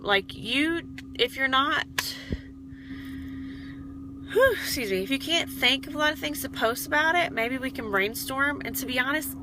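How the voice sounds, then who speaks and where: A woman's voice: fairly high pitch, background noise. A woman giving casual coaching tips to her sales team in a vlog. She is chatty and encouraging, and keeps checking in with "okay?". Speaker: direct sales team leader.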